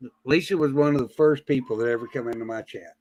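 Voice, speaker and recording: Man, average pitch, blunt colloquial talk, casual streamer chat. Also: fast talker, over a noisy crowd. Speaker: livestream host.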